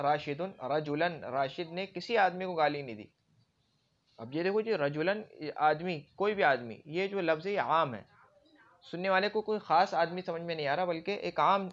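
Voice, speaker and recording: A man's voice: high-pitched, fairly bright tone. A man teaching Arabic grammar in a classroom-style lecture, explaining with everyday examples and often checking that listeners follow. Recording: dull lo-fi recording.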